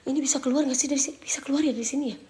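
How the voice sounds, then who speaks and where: A woman hosting a live-streamed ghost hunt, with a slight lilt, who goes from hushed, whispered prayers to loud, slangy back-talk at her chat. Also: high voice, steady tone, rapid-fire, reverberant, noisy background. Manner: swings between whispered prayers and loud retorts to viewers; casual slangy banter with chat. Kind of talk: live-streamed haunted house exploration.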